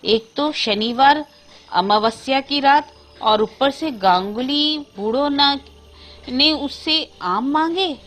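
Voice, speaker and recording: A woman gives voice to an old mother gripped by superstitious dread. The voice rides high and scolds with alarm, drawn out slowly over a faint music bed. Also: animated, fairly bright tone, heavily acted. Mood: frightened. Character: frantic fearful old mother.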